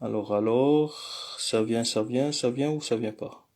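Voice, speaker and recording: A man teaching a language lesson online, talking in a halting way with many fillers and restarts. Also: medium pitch, a little mellow. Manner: apologetic about technical glitches.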